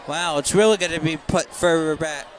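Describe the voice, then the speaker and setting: High-voiced young man calling football. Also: normal speed, a crowd in the background. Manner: chatty, repeats the official calls, excitable on fumbles. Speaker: play-by-play announcer. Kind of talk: live high school football commentary.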